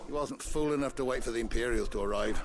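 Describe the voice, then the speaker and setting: A man's voice: medium pitch, fairly quick, gravelly, close to an everyday voice. An actor playing an urgent, earnest townsman asking for help. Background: game music.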